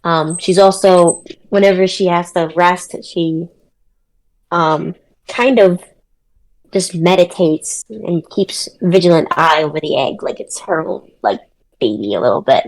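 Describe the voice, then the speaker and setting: A woman player describing her character's actions in a tabletop game, with many pauses and ums. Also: on the low side, rough recording. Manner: slow, full of ums.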